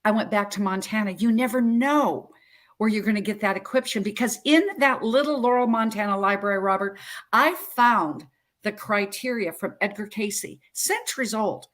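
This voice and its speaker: A woman in her sixties, a health coach telling her story as an interview guest in an animated, emphatic way. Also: mid-range voice, normal speed. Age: 60s. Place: Central Florida.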